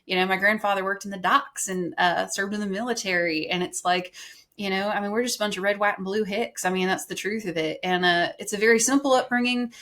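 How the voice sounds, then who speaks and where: A young woman from California talks in a relaxed, chatty way as a guest on a podcast. She laughs easily and fills her sentences with "you know" and "like." Her pitch sits in a middle range. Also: fairly quick. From Bakersfield, California. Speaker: guest singer-songwriter. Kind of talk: casual podcast chat.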